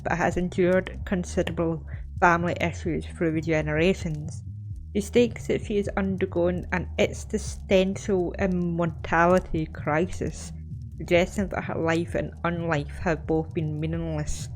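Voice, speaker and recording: A woman with a slight lisp playing a game, reading its text aloud and reacting casually and informally. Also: on the low side. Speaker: game streamer. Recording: faint game music behind.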